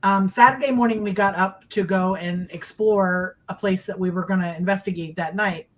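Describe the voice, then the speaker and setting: A woman's voice: medium pitch, fairly even intonation, normal speed, low-quality recording. A middle-aged woman tells a personal story in a casual, conversational way. She is emphatic and repeats phrases for effect. She speaks from indoors over a video call. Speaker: guest recounting sightings.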